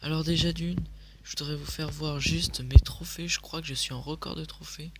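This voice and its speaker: Brief: young male gaming vlogger, slightly sick, hushed near-whisper delivery, gravelly edge, faint hiss behind. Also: on the high side, steady tone, normal speed. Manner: speaks softly, often near a whisper. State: a little sick. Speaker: gaming youtuber. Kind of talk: casual gameplay commentary. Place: home at night.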